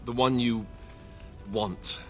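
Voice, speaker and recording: A man with a medium-pitched, steady voice close to an everyday one takes his time over soft background music. Voicing a young warrior in a video game, he sounds wry yet earnest, reluctant and uneasy, an awkward heir who reluctantly becomes a rallying leader.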